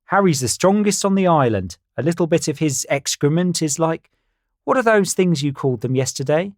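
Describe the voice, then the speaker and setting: A gullible little bird, as a man reading a storybook puts him on, high and eager. He sounds naive and sure of himself. The delivery bounces lively, close and dry. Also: moderate pace, no room sound, close to an everyday voice.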